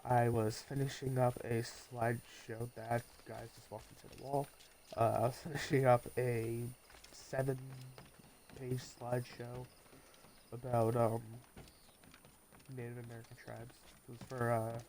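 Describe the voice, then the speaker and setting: Speaking a little slowly with little pitch movement, this teenage gaming streamer rambles casually in a mid-range, slightly mellow voice. Post-nasal drip leaves him nasal and congested, and there's a bit of hiss or hum.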